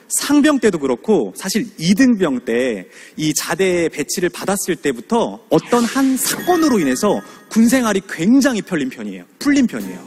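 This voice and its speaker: Animated man telling lecture stories. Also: on the high side. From Suwon, South Korea. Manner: animated, asks the audience questions, acts out scenes. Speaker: guest lecturer. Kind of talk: motivational lecture with storytelling.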